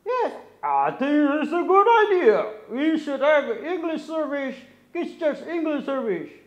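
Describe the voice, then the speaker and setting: A man doing a high, slow, friendly English-only uncle. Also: big pitch swings, heavily acted. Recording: roomy, slightly dull sound.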